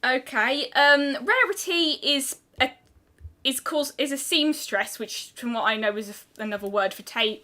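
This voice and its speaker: Chatty young British woman, bright voice. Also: high-pitched. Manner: chatty, rambling, quick restarts. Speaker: streamer. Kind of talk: casual chat while drawing.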